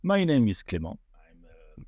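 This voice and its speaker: A middle-aged French startup founder, guesting on a podcast interview, speaks with a French accent, hesitating often with many fillers and restarts. His medium-pitched, darkish voice swings hugely in pitch at normal speed, with no echo.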